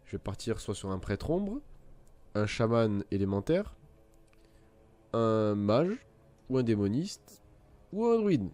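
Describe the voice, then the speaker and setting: Rambling man with a mellow voice. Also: lowish voice, big pitch swings, slow pace, pauses often. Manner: rambling, many fillers and restarts. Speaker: gaming video creator. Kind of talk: casual gameplay tutorial commentary.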